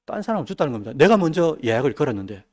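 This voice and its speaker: A man preaching a midweek sermon, dropping his voice low and then rising loud. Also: sing-song, rapid-fire. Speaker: pastor. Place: church sanctuary.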